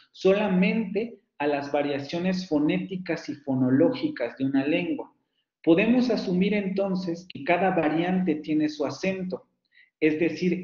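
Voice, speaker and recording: A man's voice: a little high, a little mellow. Lecturing man. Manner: explanatory, often checks students follow. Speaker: university lecturer. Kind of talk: online lecture. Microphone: computer mic on video call. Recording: echoey, dull lo-fi call audio.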